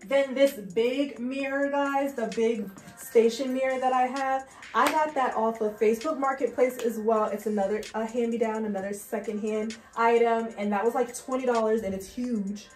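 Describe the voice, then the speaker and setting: A woman's voice: a little high, fairly even intonation, moderate pace, few pauses, a little mellow, faint music behind. A young woman giving a casual walkthrough of her small home hair salon, talking to viewers with plenty of fillers. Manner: chatty, addresses viewers as guys, many fillers. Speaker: loctician giving a salon tour.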